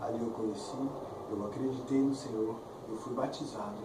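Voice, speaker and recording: A man's voice: medium pitch, fairly even intonation, fairly quick. Man preaching in an echoey church. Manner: conversational preaching, frequent "né?" tags. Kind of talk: sermon. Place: church hall. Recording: echoey church, far mic, clear background noise.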